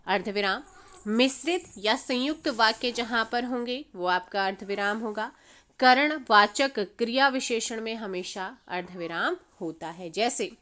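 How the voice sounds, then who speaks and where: Bright-voiced woman teaching grammar. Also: a little high. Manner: repeats her own questions and answers them, quizzing viewers; mixes English words into her speech. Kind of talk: exam-prep grammar lesson.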